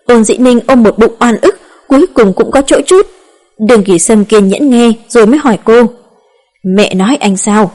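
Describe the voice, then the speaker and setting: A woman narrating a romance novel in a calm, steady reading voice. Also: a little high, moderate pace. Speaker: audiobook narrator.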